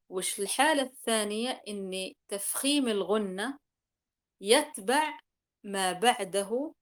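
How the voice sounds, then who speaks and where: A woman teaching Quran recitation rules in a class, explaining patiently, repeating key points and sounding out examples. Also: mid-range voice.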